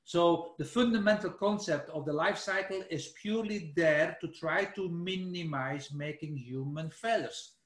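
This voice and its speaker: A slightly high male voice, unhurried and with few pauses, echoes in a reverberant space. The speaker, a Belgian man with a Flemish accent, runs a technical webinar by screen share without being seen, explaining casually with self-corrections and "let's say" fillers.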